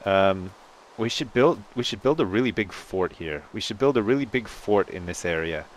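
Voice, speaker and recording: A man's voice: fairly low pitch, lively intonation, normal speed, a little hiss or hum. A man co-hosting a gaming video with casual, jokey commentary, rambling, swearing and playing up the drama.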